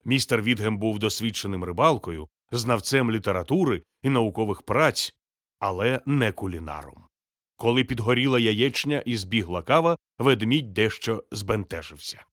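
Low-voiced man reading a storybook. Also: no room sound, clean studio sound. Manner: steady, measured, gently expressive reading. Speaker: narrator. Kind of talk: scripted storybook narration.

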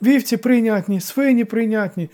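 A man voicing a frightened old male village elder who wails and pleads in a high voice. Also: moderate pace, mellow. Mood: pleading. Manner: wailing, pleading.

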